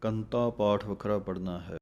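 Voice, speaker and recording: A man teaching scripture recitation. He chants verses slowly and then explains the spelling letter by letter. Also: on the low side, steady tone, a little mellow, lo-fi sound.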